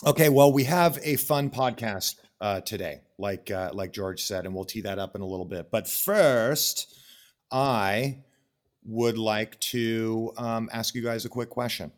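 A man's voice: fairly low pitch, a little slow. Easygoing laughing podcast host, man. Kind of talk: casual chat.

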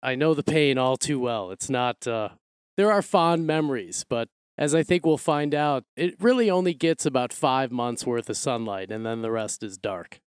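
An American man hosts a podcast in a medium-pitched, clean and resonant voice. He presents like someone narrating prepared material, and the sound is very dry. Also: lively intonation, normal speed, clean tone, no room sound. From Milwaukee, Wisconsin, USA. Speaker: podcast host. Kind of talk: scripted podcast narration and co-host chat.

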